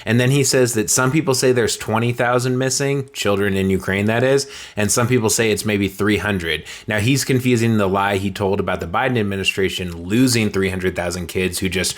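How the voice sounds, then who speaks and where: A man's voice: on the low side, fairly quick, hardly any pauses. A man giving a casual, sarcastic and blunt recap of a political meeting, speaking straight to his viewers. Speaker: political commentator. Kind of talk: casual commentary video.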